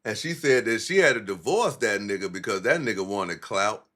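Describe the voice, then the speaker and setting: A man's voice: fairly low pitch, expressive, normal speed, sharp tone. A man hosting a livestream, giving blunt, profane, mocking commentary in casual street talk.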